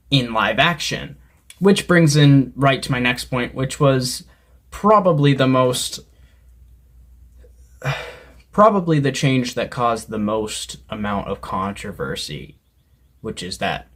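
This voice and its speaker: A man's voice: mid-range voice, fairly bright tone. A man hosting a casual opinion commentary video, talking in a conversational, opinionated way with some hesitant fillers.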